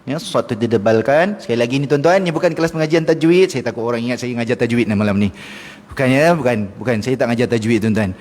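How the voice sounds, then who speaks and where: A middle-aged man, a religious teacher giving a mosque lecture on Quranic pronunciation, who slowly chants short verses to demonstrate and then explains them, addressing his listeners directly. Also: medium pitch, darkish tone. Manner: addresses the audience directly and often. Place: mosque hall. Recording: long mosque hall reverb.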